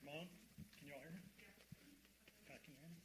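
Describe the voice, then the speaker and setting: A man's voice: fairly high pitch, steady tone, fairly bright tone, a little hiss or hum, low-quality recording. Man talking through a fan-like whooshing mic. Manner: halting, informal mic checking. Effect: whooshing mic that sounds like talking into a fan. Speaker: pastor.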